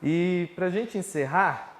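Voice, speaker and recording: High-voiced, animated Brazilian preacher. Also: male voice, takes it slowly. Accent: Brazilian Portuguese. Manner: animated, emphatic preaching with joking asides. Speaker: pastor. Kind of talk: sermon. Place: church congregation.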